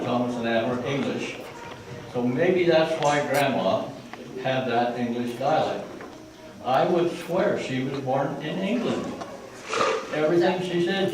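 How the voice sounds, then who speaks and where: An older man giving an informal family history talk, rambling with asides and restarts, recorded from a distance in an echoey room with background noise. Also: medium pitch.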